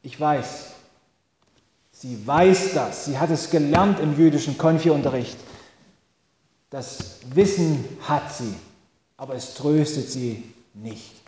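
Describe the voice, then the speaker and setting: Male pastor, slightly higher voice, mellow tone; slow, thoughtful sermon in a reverberant church. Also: slight background noise. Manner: slow, reflective, with long pauses.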